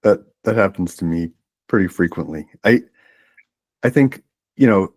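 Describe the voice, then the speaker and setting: A man, probably in his thirties, co-hosting a podcast, chatting in a relaxed, wry and reflective way. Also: low voice, moderate pace. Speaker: podcast co-host. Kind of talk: casual chat.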